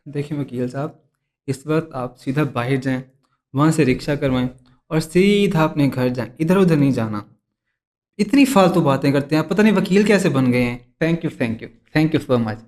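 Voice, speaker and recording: A male host presents a comedy podcast sketch. He sounds exasperated and keeps scolding his guest, in a voice that sits a little high for a man. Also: normal speed, darkish tone.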